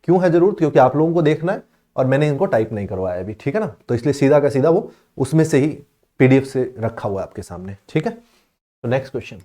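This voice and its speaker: An exam coaching teacher goes over history exam questions, reading the English text slowly before explaining it in Hindi and checking often that students understand. His medium-pitched voice is mellow yet very animated.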